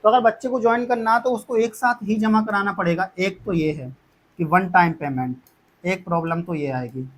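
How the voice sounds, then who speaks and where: A man with a notably high-pitched voice speaks to his students like a teacher. He explains plans step by step, often circling back and repeating himself to reassure them. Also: moderate pace, slight background noise. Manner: repetitive, reassuring, addresses students as kids. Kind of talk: explaining course fees to students.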